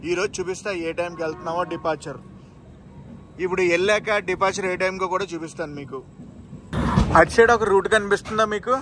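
A chatty man films himself on a train journey and talks to his viewers the whole way, pointing out tracks and stations. His voice sits a little high for a man. Loud rumble from the train and the station plays under every word. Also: fast, pauses often. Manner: chatty, addresses viewers directly, points things out. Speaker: train travel vlogger. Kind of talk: casual travel vlog narration. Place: on a train and station platforms, outdoors. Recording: train and station noise behind.

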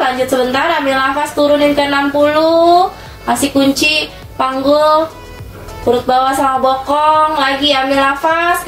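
A woman's voice: high voice, a bit bright. An Indonesian woman instructing an exercise class, cueing breaths and counting workout reps in short phrases. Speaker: fitness instructor for older adults. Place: small tiled indoor room at home. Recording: echoey room, distant mic, music behind.

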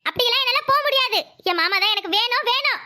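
A woman's voice: very high voice, lively intonation, quick pace, bright, forceful tone, heavily acted. A woman voicing a young wife who pleads with her husband and stubbornly defies her in-laws. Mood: pleading. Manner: pleading, insistent.

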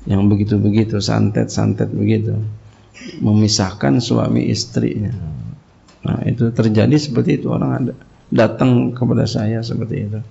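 A man's voice: fairly low pitch, level tone, moderate pace, creaky, warm tone. A middle-aged man preaching to a congregation in a casual, joking way, telling anecdotes and laughing along with his listeners. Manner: chatty, jokes and laughs with the congregation. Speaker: Islamic preacher teaching Quran commentary. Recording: dull lo-fi recording.

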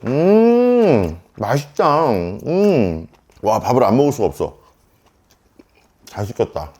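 Chatty man in his thirties, lively pitch. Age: 30s. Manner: chatty, talks to viewers while eating. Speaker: mukbang vlogger. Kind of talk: casual eating vlog chat. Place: at home.

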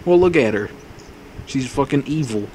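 A man's voice: mid-range voice, animated, moderate pace, darkish tone, husky, dry recording. A man hosting a let's play, reading visual novel text aloud and trading crude jokes with a friend. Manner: crude, joking, laughs often. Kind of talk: casual gaming banter. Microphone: wireless mic.

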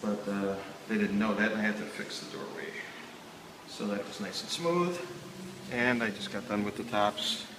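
Here a Chicago remodeling contractor tours an unfinished factory bathroom, describing the work plainly with many fillers. His lowish voice is expressive and moves at a normal speed. The phone recording picks up a noisy background and the echo of the empty room.

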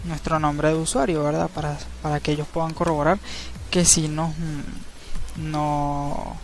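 Relaxed man walking through steps. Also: fairly high pitch, unhurried. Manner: relaxed, step-by-step, frequent tag questions. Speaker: crypto channel host. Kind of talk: screen-recorded tutorial walkthrough. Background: faint background music.

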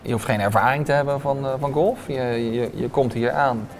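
A man in his thirties who owns a restaurant speaks briskly in a mid-range voice, answering interview questions with plenty of hesitant filler sounds. Background noise surrounds him in the bright dining room where a lapel mic records him.

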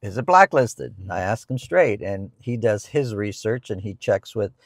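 A middle-aged man with a low, gravelly voice talks casually through viewer questions from the seat of a parked car. He often restarts and repeats words as he explains. The lapel mic sounds close and dry. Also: animated, normal speed, no echo. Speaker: real estate agent and co-host. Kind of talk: casual Q&A chat.

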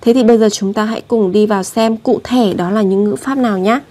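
A woman teaching a language lesson, explaining grammar and pronunciation and slowly repeating example words. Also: medium pitch, warm tone.

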